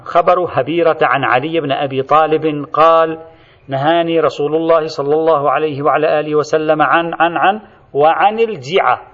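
A man's voice: fairly high pitch, dull audio. A man giving a methodical religious jurisprudence lecture, explaining texts and glossing words.

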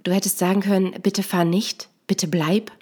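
A woman's voice: medium pitch, steady tone, moderate pace, mellow, husky, close to an everyday voice. A woman reading the lines of a puzzled, annoyed young man who answers plainly and defensively, in a scripted story.

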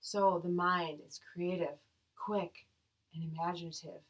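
Woman doing an airy yoga teacher, breathy, soft, calm female guide, lowish pitch. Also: a little slow.

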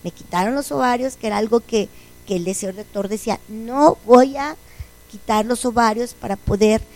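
A woman's voice: on the high side, normal speed, darkish tone, poor audio. A woman giving a religious testimony to a congregation, telling her story earnestly and acting out the conversations in it. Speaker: church testimony speaker.

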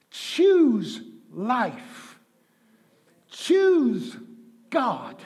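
High-voiced man preaching a shouted sermon. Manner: preaching with shouted, drawn-out emphasis and repetition. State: out of breath. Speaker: pastor.

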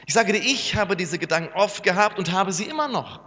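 Man, pastor, sermon, high bright voice, lively preaching, long hall reverb, mains hum. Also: brisk, slightly rough.

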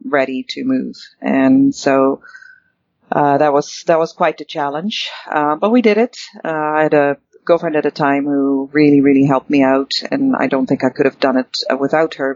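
A woman's voice: deep voice, no room sound, highs cut off. A woman in her fifties from the Netherlands, a guest in a casual interview, talking in a rambling way with many ums and restarts. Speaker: guest, networking chapter director.

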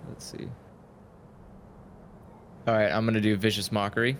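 A man with a fairly low voice plays a tabletop game. He thinks aloud and hesitates before he commits to a move, with faint noise in the background. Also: flat delivery, normal speed. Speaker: player. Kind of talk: casual tabletop game play.

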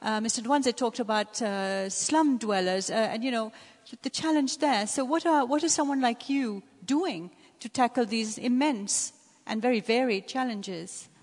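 A woman's voice: a little high, measured pace, a little mellow. A woman moderating a panel discussion, putting questions to the speakers. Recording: reverberant conference hall.

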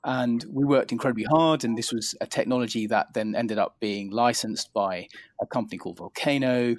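Speaking at a normal pace with a medium-pitched voice, this interview guest is a middle-aged cardiologist from England, near London, with a southern English accent. He tells the story of his career in a polite, modest, hesitant manner, captured in a dry recording.

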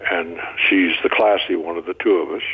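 With a deep, breathy-edged voice and a slightly fast pace, an older man appears as a guest marriage counselor on a radio interview. He tells stories in a folksy, animated way, cracking jokes, all through tinny phone-line audio.

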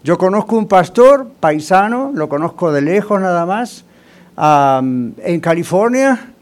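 A man's voice: high voice, sing-song, unhurried. A male pastor preaching a sermon in a conversational way, often asking the congregation rhetorical questions.

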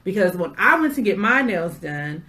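A woman's voice: mid-range voice, big pitch swings, moderate pace, bright, forceful tone. A middle-aged woman hosting a casual chat, telling stories with sassy asides. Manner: chatty storyteller, sassy asides. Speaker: podcast host.

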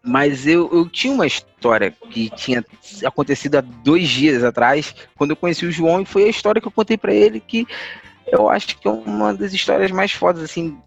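A man's voice: on the high side, a little fast, creaky, highs cut off, faint music behind. A man telling anecdotes as a podcast guest, rambling and slangy, with frequent tag questions.

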